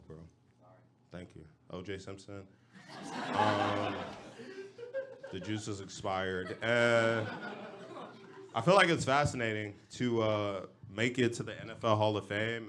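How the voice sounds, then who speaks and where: A man's voice: on the low side, measured pace, long pauses, slight background noise. Young man doing casual stand-up. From Los Angeles. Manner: casual, slangy, deadpan delivery. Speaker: stand-up comedian. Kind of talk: stand-up comedy set. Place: comedy club stage.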